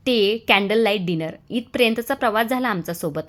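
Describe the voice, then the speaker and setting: A woman's voice: mid-range voice, a little fast, natural voice. A woman doing an evasive young woman guest. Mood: guarded. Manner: evasive, softly pointed.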